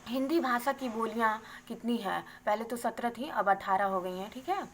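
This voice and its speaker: A woman teacher going briskly through exam questions and their answers, adding a quick "okay" after each answer. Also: on the high side, slight background noise, low-quality recording. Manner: brisk, adds "theek hai" after answers.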